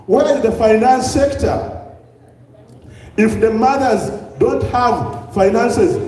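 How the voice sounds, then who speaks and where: A man with a Ugandan accent addresses an audience in a large, echoing hall, heard from well back from the microphone. His voice sits high but sounds mellow, and he presses the room with question after rhetorical question. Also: slight background noise. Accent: Ugandan English. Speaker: public health speaker. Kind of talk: lecture to a live audience. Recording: echoey hall, distant mic.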